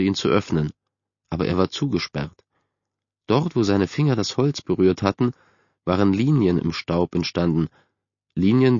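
A man calmly narrating a spooky youth novel in a measured way, as an audiobook narrator in a dull, dry booth recording. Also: sits low, dry recording. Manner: calm, measured storytelling.

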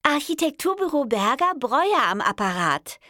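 A woman's voice: high-pitched, very animated, a little slow, fairly bright tone, no room sound, clean studio sound, pitched above the performer's own voice, full character voice. A woman voicing a chirpy young female office intern who answers the phone with sweet, bell-like politeness. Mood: sweetly polite. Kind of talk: audiobook reading.

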